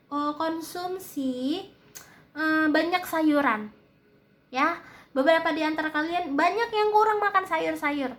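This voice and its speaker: A woman's voice: high-pitched, a bit bright. A woman with an Indonesian accent and a slight lisp that occasionally slurs her r, giving a casual forecast and advice in a hesitant, explanatory way. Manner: hesitant, searching for words, explanatory. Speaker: tarot-style reading host.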